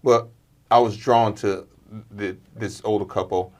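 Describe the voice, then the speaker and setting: A man's voice: lowish voice, fairly even intonation, unhurried. A man hosting a podcast, telling stories in an earnest conversational way, often repeating "I said". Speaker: podcast host. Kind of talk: conversational storytelling.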